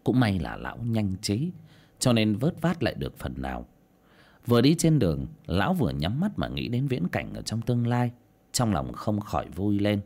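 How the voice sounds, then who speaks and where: A man narrates a folk tale in a dramatic, expressive storytelling manner. His voice sits a little low and swoops widely in pitch as he tells it.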